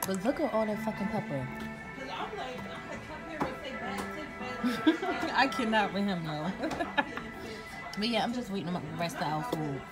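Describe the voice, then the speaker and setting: Young woman, loose laughing vlog chat over loud background music. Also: mid-range voice, quick pace, few pauses. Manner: loose, laughing, swears freely, talks to camera. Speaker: vlogger. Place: restaurant, then car.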